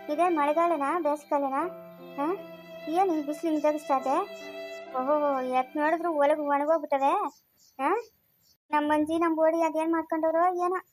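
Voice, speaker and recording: A woman's voice: high-pitched, darkish tone, natural voice. A woman playing an elderly village aunt with a rural Chikkaballapur Kannada accent in a village family skit, sighing and murmuring asides to herself. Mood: weary, sighing. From Karnataka. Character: elderly village aunt, gentle and long-suffering.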